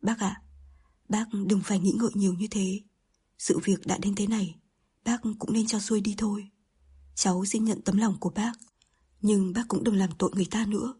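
A woman's voice: medium pitch, steady tone, moderate pace, long pauses, mellow, breathy edge. A woman narrator voicing a sincere young man pleading politely with an older woman in an audiobook. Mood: earnest.

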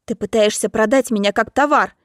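A woman's voice: a little high, a little fast, no room sound, clean studio sound, close to an everyday voice. Woman voicing a defiant young daughter. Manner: trembling, indignant outbursts. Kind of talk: audiobook character reading.

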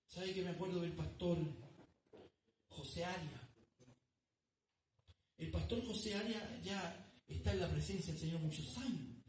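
Male pastor telling stories from the pulpit, high voice, echoey church, mic set far off. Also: measured pace, long pauses, darkish tone, a little hiss or hum. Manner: storytelling, addressing listeners as brother. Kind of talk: sermon. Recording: echoey room, distant mic.

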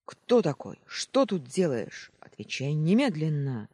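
A cranky young sentry snaps orders in a husky, dark voice, as a man reads him. His lines rise and fall sharply and come slowly and loudly, like a strict soldier scolding children. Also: a little high, very animated, full character voice. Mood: shouting orders. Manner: barking military orders. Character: stern young male sentry, irritable, bossy.

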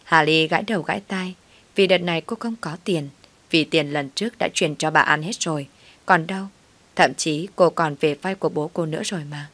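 A woman narrating a family story in a steady, plain way. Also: low-pitched, brisk, no echo.

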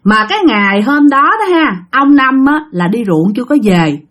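A woman tells a ghost story in a chatty, casual way, speaking straight to her listeners. Her voice sits fairly high and rises and falls a lot. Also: animated, moderate pace, fairly bright tone. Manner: chatty, addresses listeners directly.

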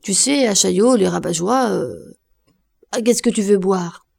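A woman voicing a jeering, drunk male roofer in an audiobook, loud and mocking. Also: mid-range voice, lively intonation, measured pace, creaky, heavily acted.

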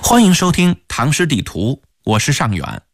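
A man hosting a radio poetry program, introducing and slowly reciting a classical poem in a deliberate manner. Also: a little high, very animated, a little hiss or hum. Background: music.

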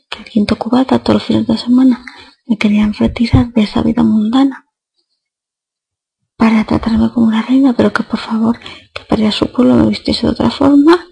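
A woman's voice: fairly high pitch, steady tone, a little fast, gravelly, warm tone, husky, rough recording. A woman with an accent from Spain, hosting a podcast and telling a rambling comic anecdote in crude, slangy, self-mocking words. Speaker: podcast host.

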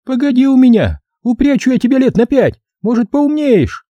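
A man's voice: big pitch swings, moderate pace, mellow, dry recording, highs cut off. A man voicing a furious mother who screeches accusations. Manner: shrill, screeching. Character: screaming furious young mother.

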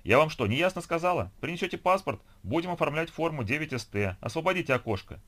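Guy doing a husky tired clerk lady, stern, talks way higher than his own voice. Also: lively intonation, fast talker, a bit bright. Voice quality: husky low voice. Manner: stern, bureaucratic. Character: weary husky female clerk, fifty, stern.

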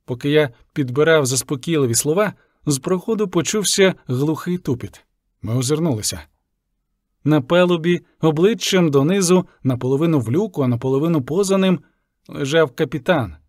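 Man narrating an audiobook, slightly high voice. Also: lively intonation, fairly quick, darkish tone, no room sound, studio quality. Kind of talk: first-person audiobook narration.

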